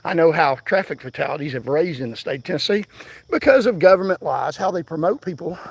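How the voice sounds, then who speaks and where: Man, 60s, livestream host, breathless on the move outdoors, pushy preaching delivery, slightly high pitch. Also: animated, quick pace, gravelly, husky, no room sound. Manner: insistent, preaching to viewers. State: out of breath from jogging. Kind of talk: livestream commentary. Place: outdoors, on foot.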